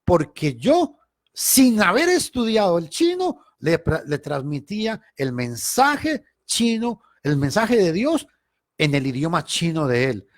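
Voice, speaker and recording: A man teaching a Bible study in a preaching style, emphatic, swinging between loud stressed words and quiet asides. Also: fairly high pitch, very animated, takes it slowly, no echo, clean studio sound.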